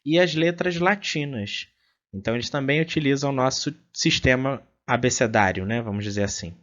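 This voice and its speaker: A man's voice: medium pitch, fairly bright tone. A man teaching a beginner language lesson over slides, often adding "né?" and sounding out syllables one by one. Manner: fills pauses with "né?", spells out syllables slowly. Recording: dull lo-fi audio.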